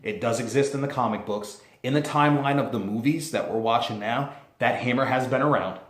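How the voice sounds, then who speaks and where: A man vlogging casually, rambling and excitable, with some swearing. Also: medium pitch, a little fast. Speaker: YouTuber. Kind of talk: casual vlog commentary. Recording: echoey room with faint noise.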